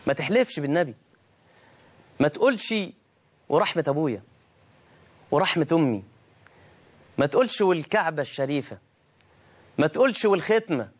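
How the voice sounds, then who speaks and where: A middle-aged Egyptian-accented man delivers a sermon in a fairly high-pitched voice. He is emphatic and drawn out, lifting his tone for scripture and answering his own imagined questions. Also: expressive. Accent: Egyptian Arabic. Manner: emphatic, slows and rises for scripture, plays both sides of a dialogue. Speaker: preacher.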